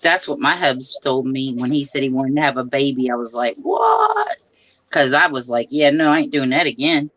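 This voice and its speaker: A woman's voice: extremely low pitch, steady tone, brisk, few pauses, fairly bright tone, no echo, muffled recording. A middle-aged woman chatting casually and telling down-to-earth family stories. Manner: storytelling, down-to-earth. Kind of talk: casual chat.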